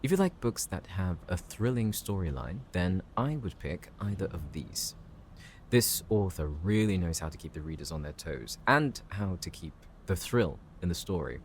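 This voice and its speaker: Man acting a low-voiced, courteous professor. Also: animated, normal speed, slight background noise. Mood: courteous, helpful. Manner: polite, formal, composed. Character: courteous, bookish male professor, calm and considerate. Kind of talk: scripted audio roleplay addressed to the listener.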